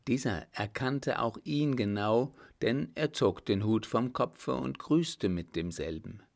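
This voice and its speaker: Slow, gravelly male audiobook narrator. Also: mid-range voice, expressive. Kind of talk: scripted narration.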